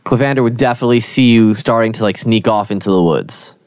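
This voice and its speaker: A man running a tabletop game as game master, narrating and checking in with players in a relaxed, easygoing way. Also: fairly low pitch, quick pace, smooth, no room sound, studio quality. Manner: relaxed, easygoing, frequent "cool" and "um".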